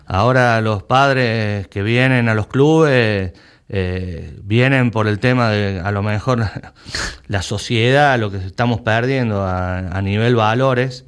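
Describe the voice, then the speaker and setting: A man's voice: on the low side, takes it slowly, clean tone. A man from Argentina with an Argentine Spanish accent, the president of a rugby club, talking emphatically in an interview and often repeating words while he searches for them. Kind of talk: conversational interview.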